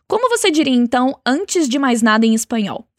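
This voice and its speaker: Woman language teacher, clear and encouraging, rather high voice, dry close sound. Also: big pitch swings, no room sound. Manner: clear, encouraging teacher's delivery, slows down to model phrases. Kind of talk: spoken language lesson with repeat-after-me drills.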